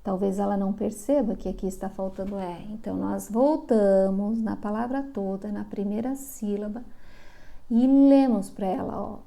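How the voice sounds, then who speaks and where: A middle-aged woman from Brazil, a literacy teacher explaining to parents, slowly sounding out syllables. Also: medium pitch, fairly even intonation, vocal fry, warm tone. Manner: slow, drawn-out sounding of syllables.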